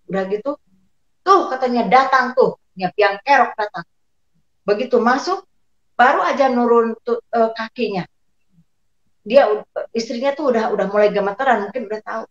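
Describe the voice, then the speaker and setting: A woman giving a personal testimony as a guest, telling her story in an animated way and acting out the voices of people she quotes. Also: fairly high pitch, normal speed, long pauses. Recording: roomy, dull lo-fi sound.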